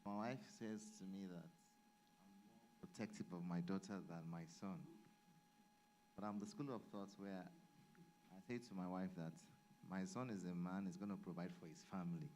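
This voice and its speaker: A man's voice: sits low, steady tone, moderate pace, long pauses, darkish tone, a little hiss or hum, rough recording. A man speaking as a father at a church family program, giving firm, insistent advice. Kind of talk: contribution to a group discussion.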